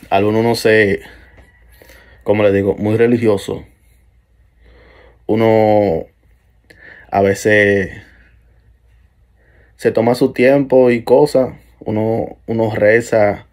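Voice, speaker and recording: A young man recounts a frightening night-time encounter in first person, with a somewhat low voice. He speaks earnestly and hesitantly, restarting phrases and trailing off as he remembers. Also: a little mellow. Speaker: storyteller. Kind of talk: first-person paranormal story.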